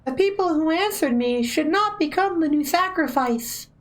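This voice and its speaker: A woman's voice: extremely high pitch, lively intonation, moderate pace, voice pushed up. A woman voicing a timid young anime girl who speaks in a solemn, plaintive way in a game story. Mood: sorrowful, solemn.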